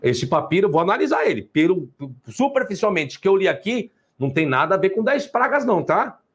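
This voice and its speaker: A middle-aged Brazilian man gives a livestream lecture in a fairly high voice that rises and falls with wide swings. He talks emphatically, fires rhetorical questions at his viewers and scolds them now and then. When he reads out his source texts he slows his pace. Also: big pitch swings. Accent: Brazilian Portuguese. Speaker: online teacher and channel host.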